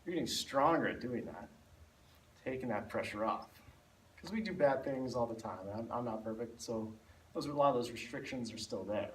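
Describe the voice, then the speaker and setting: A man's voice: medium pitch, lively intonation, normal speed. A man teaching a spinal stability class, explaining and demonstrating the exercises while a little out of breath. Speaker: instructor. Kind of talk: fitness class instruction. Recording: echoey room, mic far off, faint noise.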